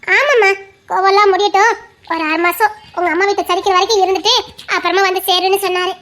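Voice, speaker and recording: A young separated wife and student with a Tirunelveli Tamil accent, played by a woman, thinking aloud in a soft, musing voice. Her pitch is extremely high. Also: fairly even intonation, fast talker. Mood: defiant. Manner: musing, soft-spoken inner monologue.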